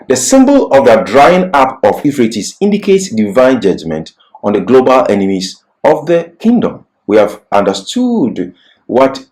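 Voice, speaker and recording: A man reads prepared points in a scripted Bible lecture, then explains them forcefully with asides, repeating the key phrases. The audio is poor, and his mid-range voice carries a darkish tone.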